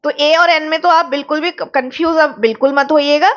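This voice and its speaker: High-voiced Indian woman teaching English. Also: steady tone, fairly quick, muffled recording. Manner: explains step by step, keeps checking understanding. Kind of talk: online exam-prep lecture.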